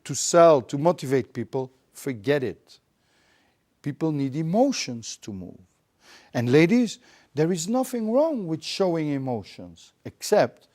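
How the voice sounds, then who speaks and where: A man with a Belgian Dutch accent who is not a native English speaker, giving a live lecture and acting out his examples theatrically. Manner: theatrical, acts out examples with big swings in pitch and loudness.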